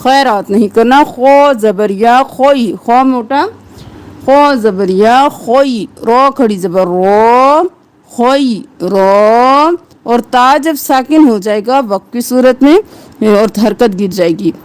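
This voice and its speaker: Female tajweed teacher, high voice, patient letter-by-letter drills with slow chanted recitation. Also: smooth. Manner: breaks words into letters and vowels, slow drawn-out recitation. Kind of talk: tajweed lesson, explaining and reciting slowly.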